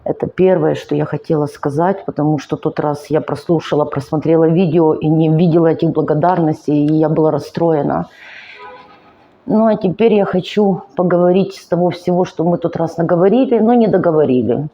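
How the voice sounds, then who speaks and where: A woman's voice: deep voice, mellow, dull audio. A woman, telling her own life story in an earnest, emotional vlog monologue, weary and speaking with effort. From Ukraine. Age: 40s. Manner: earnest, emotional, slow and halting. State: weary, finds speaking hard. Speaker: vlogger. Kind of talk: personal confessional monologue.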